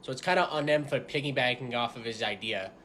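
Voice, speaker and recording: A man's voice: medium pitch, fast, sharp tone. A man acting out comedy sketch dialogue in an argumentative, emphatic manner.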